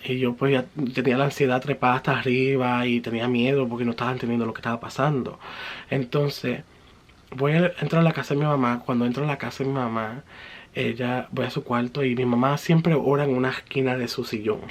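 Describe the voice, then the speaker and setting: A man's voice: mid-range voice, fairly even intonation, fairly quick. A man giving a personal religious testimony in an earnest, fervent way, slipping English words into his story.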